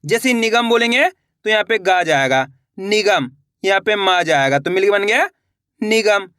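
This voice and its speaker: A man's voice: high voice, lively intonation, moderate pace, pushed and bright, clear, resonant tone, dry recording. Man, teacher, repeats words and asks questions, dry close sound. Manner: repeats words and quizzes the viewer. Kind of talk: slow spelling lesson for beginners.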